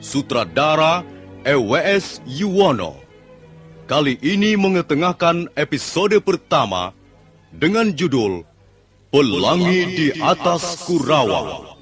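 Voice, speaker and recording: A man's voice: on the high side, very animated, slow, fairly bright tone. A man reading scripted credits and story narration in the manner of an old radio serial announcer. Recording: music behind the voice. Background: music.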